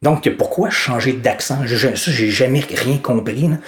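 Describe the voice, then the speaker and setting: A man's voice: medium pitch, normal speed. Québécois man, guest speaker, loose and spontaneous, chatty, laughs easily, roomy echo on the voice. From Quebec. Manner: spontaneous, animated, laughs often, says "là" a lot. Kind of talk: casual interview talk.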